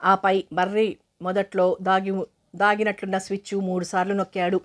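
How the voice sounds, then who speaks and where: Woman, audiobook narrator, scripted novel narration, steady, flat intonation, mid pitch. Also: normal speed.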